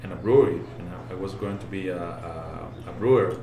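Venezuelan man, brewer, low-ish voice, halting second-language English; echoey room, noisy background. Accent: Venezuelan Spanish. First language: Spanish. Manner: halting, searching for English words. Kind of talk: casual interview answers. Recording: roomy sound with background noise.

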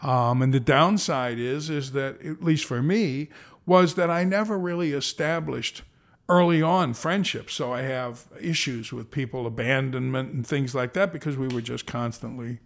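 Reflecting on his early years and working life, this sixty-something interview guest from the American Southwest wanders through anecdotes and keeps revising his own details. He speaks at a moderate pace with a medium-pitched, creaky voice.

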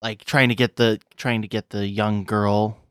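A man's voice: lowish voice, little pitch movement, moderate pace, smooth, no echo, studio quality. A man running a tabletop game as game master, easygoing and conversational. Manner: easygoing, asks players to roll.

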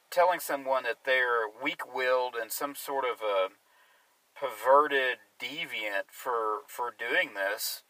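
A man who works in drug and alcohol counseling talks casually, thinking aloud and sometimes turning sarcastic. His voice is bright and forceful. He sits a little away from the microphone in a dry room. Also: mid-range voice, no room sound, distant mic, poor audio. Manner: conversational, sarcastic at times, searching for words. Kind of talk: casual discussion.

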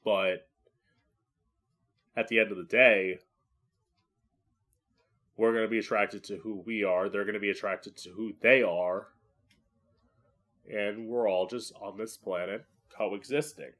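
A man's voice: lowish voice, fairly even intonation, a little slow, long pauses, a bit bright. A man who hosts a podcast as a drag queen, rambling solo in a campy, profane, self-mocking way. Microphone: podcast microphone, live streamed.

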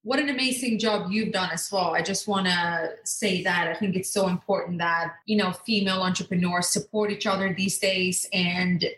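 A woman's voice: fairly low pitch, steady tone, normal speed, hardly any pauses. Earnest woman in an echoey room. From Norway. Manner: earnest, warm storytelling with many "you know" fillers. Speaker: guest, skincare brand founder. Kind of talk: podcast interview.

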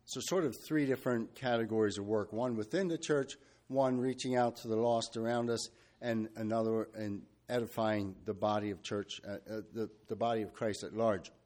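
A man preaching a sermon, talking freely with fillers and restarts, and reading scripture in a steady measured cadence. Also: on the low side. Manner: unscripted and searching, with restarts and fillers.

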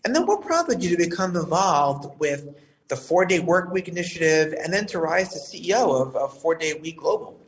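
A man hosting a live talk show, heard over a phone, speaking in a formal, measured way with some fillers. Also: on the high side, big pitch swings, recorded from a distance, slight background noise, poor audio.

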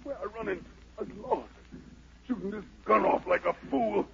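An actor playing a proud, desperate fugitive emperor with a Southern American accent and anguished, pleading delivery in a radio drama. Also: male voice, high voice, animated, normal speed, gravelly, a crowd in the background, heavily acted. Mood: frightened, exhausted. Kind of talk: 1940s radio drama acting. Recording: dull 1940s radio broadcast.

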